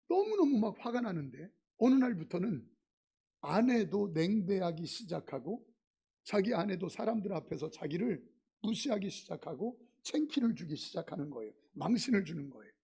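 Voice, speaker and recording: Middle-aged pastor guy preaching, husky gravelly high voice, big dramatic outbursts. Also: darkish tone. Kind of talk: sermon. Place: church sanctuary.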